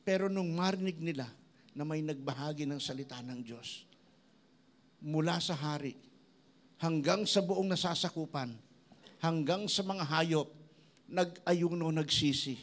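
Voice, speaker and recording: A man pastor preaching a sermon, mixing English into his talk and acting out the voices of people he quotes, with big swings between loud and soft. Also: fairly high pitch, unhurried, long pauses. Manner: preaching in Tagalog mixed with English, lively swings in loudness; acts out quoted voices of others. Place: church.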